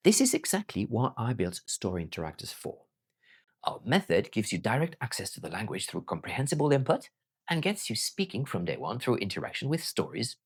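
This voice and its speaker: In an emphatic scripted explainer, a language teacher presents their own learning platform; Arabic isn't their native language but one they learned. They speak in a mid-range voice with a breathy edge.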